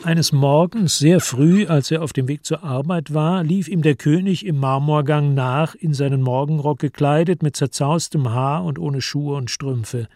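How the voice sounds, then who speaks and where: A male narrator reading a radio drama in a measured, calm storytelling manner. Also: fairly high pitch, no echo, clean studio sound. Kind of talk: scripted narration.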